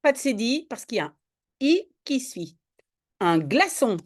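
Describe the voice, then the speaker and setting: A woman's voice: fairly high pitch, very animated, normal speed. A woman tutoring a student in French spelling, patiently explaining each word step by step. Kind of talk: one-on-one spelling lesson.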